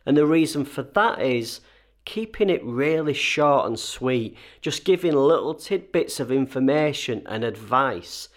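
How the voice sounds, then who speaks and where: A man's voice: medium pitch, lively intonation, unhurried. A man with a slightly wheezy, chesty voice, getting over a cold, hosting a conversational solo advice episode with emphatic key points. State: recovering from a cold and chest infection. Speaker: host advising freelancers.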